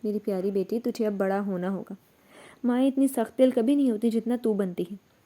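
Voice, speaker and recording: A woman reading the part of an elderly mother-in-law, speaking in a gentle, coaxing way. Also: mid-range voice, close to an everyday voice.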